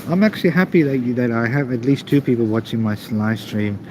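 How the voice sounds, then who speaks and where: A man casually chatting to live stream viewers in a halting, repetitive way. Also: medium pitch, expressive. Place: busy airport waiting area. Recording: noisy airport background ambience.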